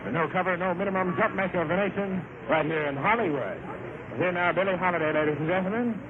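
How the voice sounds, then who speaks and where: A man with a high, bright announcer's voice rattles off slangy showman patter for a live dance-club broadcast. It comes through an old 1940s radio air-check, thin and phone-like. Heavy hiss and crackle sit under every word. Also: fast. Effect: old 1940s radio air-check recording.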